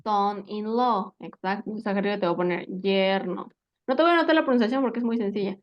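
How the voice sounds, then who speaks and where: A woman's voice: medium pitch, racing, lo-fi sound. A woman teaching an English lesson, patiently checking her students understand with frequent questions. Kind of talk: spoken language lesson.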